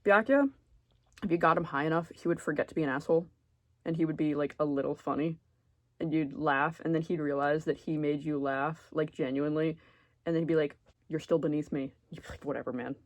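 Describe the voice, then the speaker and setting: A woman creator giving casual ranking commentary in a sarcastic, deadpan but expressive way. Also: low voice, fast talker, no echo. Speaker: video creator.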